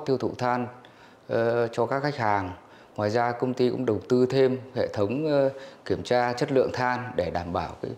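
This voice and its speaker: Measured male official, fillers. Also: mid-range voice, a little mellow. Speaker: coal company official interviewed. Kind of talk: news interview soundbite.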